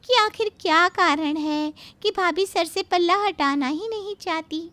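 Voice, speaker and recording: A squeaky, very high young sister-in-law who mocks and teases with a bright, sharp tone. She stays slow and drawn out, recorded dry. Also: dry recording, exaggerated voice. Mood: teasing. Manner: teasing, mocking. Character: mocking young sister-in-law, teasing girl.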